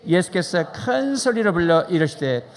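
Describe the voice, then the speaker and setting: Fervent high-voiced Korean pastor. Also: male voice, very animated, moderate pace. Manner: fervent, repetitive, leads congregation in loud calls. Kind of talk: sermon with fervent prayer and call-and-response. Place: large church sanctuary. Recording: live church hall reverb with music.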